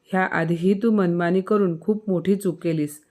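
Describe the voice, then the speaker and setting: A woman's voice: on the low side, fairly even intonation, normal speed, mellow, lightly acted. Woman voicing an aggrieved young husband. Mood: hurt. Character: hurt angry young husband.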